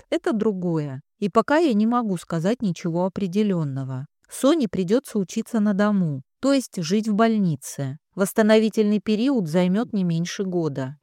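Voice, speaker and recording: A woman voicing an experienced woman doctor who speaks quietly and steadily, measured and reassuring. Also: mid-range voice, dry recording, studio quality, close to an everyday voice. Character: calm, guilt-ridden experienced woman doctor.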